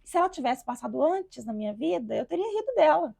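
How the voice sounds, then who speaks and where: A woman's voice: high voice, very animated, fairly quick, vocal fry, a little mellow, dry recording. A woman from Minas Gerais, Brazil, telling her own life story as an interview guest, heartfelt and re-enacting what she once said. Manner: heartfelt, reenacts her own past words. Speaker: guest entrepreneur and mother. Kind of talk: emotional personal testimony.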